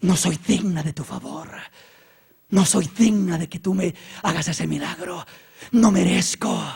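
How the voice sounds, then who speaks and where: A man's voice: high voice, a little slow, gravelly, a little mellow, slightly rough, full character voice. A man preaching a sermon, voicing a desperate foreign mother who pleads and cries out. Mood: humble pleading. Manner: pleading, crying out.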